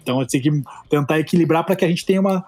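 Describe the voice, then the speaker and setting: A man with a Brazilian accent speaks rapid-fire in a slightly high, darkish voice with no room sound. He's a Portuguese teacher on a casual podcast, chatting and explaining language points through playful examples. His style is explanatory and playful, with many fillers.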